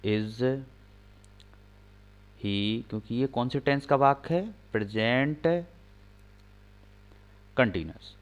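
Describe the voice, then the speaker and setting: A man teaching English grammar, slowly spelling out example sentences word by word and asking questions he answers himself. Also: mid-range voice, expressive. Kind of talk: classroom-style explaining lesson. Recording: slightly dull lo-fi recording.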